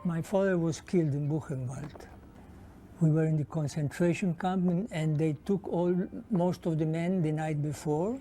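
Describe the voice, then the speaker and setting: A man's voice: a little high, normal speed, warm tone, faint music behind. A man in his seventies, born in Poland, telling his story in a hesitant interview and often repeating himself. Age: 70s. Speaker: Holocaust survivor interviewee. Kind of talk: documentary interview.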